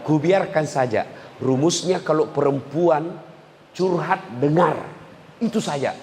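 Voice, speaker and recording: A man preaching a humorous sermon, joking with his listeners and jumping into high voices for the people he quotes. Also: measured pace, slight background noise. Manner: lively, jokes with the crowd, acts out quoted voices in high pitch. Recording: long hall reverb, faint ambience.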